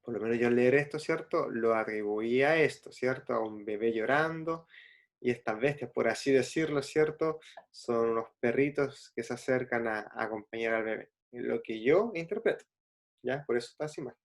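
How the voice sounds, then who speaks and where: A man's voice: medium pitch, moderate pace. A man teaching a class, patiently checking in with his listeners and spelling out letters and syllables. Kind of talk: classroom explanation.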